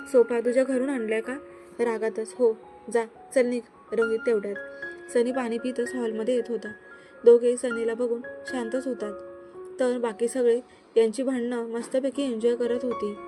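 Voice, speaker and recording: A woman's voice: a little high, mellow. A woman reading a romantic serial story aloud, voicing all the characters herself without much change in her voice. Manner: reads every character herself with little change in voice. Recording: music bed under voice.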